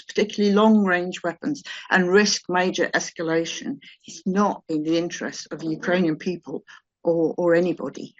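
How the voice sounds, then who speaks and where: A woman's voice: lowish voice, no echo. A woman asking an earnest question in a meeting over a video call. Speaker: audience member asking a question. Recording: dull, dry lo-fi call audio.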